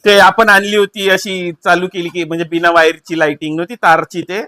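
A man's voice: sits high, level tone, a little fast, sharp tone, no echo. A man with a Marathi accent hosting a casual family vlog, chatty, coaxing and playful. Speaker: vlog host.

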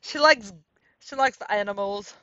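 A woman's voice: mid-range voice, normal speed, pushed and bright, dull audio. A woman hosting a live game stream, chatting casually, laughing often and reading her viewers' messages aloud.

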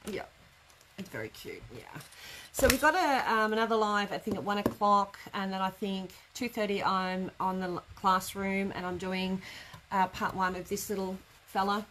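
With a fairly bright, medium-pitched voice at a moderate pace, a middle-aged woman runs a live craft class, chatting in a loose, rambling way. It takes place in an indoor craft studio workroom, and the rough recording picks up noticeable room noise.

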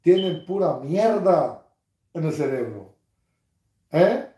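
A man, hosting a casual livestream from his couch, reading comments with crude, mocking humor and bursts of loud laughter. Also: on the high side, sing-song, slow pace, echoey room. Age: 60s. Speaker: livestream host. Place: living room, seated on a couch at home.

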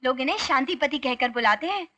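A woman's voice: high-pitched, animated, fairly quick, bright, forceful tone. Bantering young woman friend, film comedy. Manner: challenging, betting banter. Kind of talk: Hindi film comedy acting.

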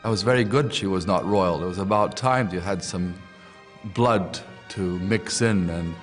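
Interviewee, man, low voice, wry hesitant remarks, soft music behind. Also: a little slow. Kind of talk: interview comment.

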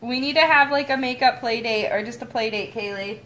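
Young woman vlogging, laughs a lot, chatty, kinda high voice. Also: brisk, bright, forceful tone, a little hiss or hum. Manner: giggly, chatty, talks to viewers. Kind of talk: casual livestream chat.

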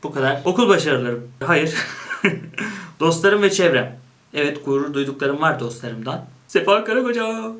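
Casting: playful young man, voice a bit high, casual quiz-video chat, quick to joke. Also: expressive, fairly bright tone. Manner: reads options aloud and jokes about each. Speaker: YouTuber. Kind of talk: casual chat while taking an online quiz.

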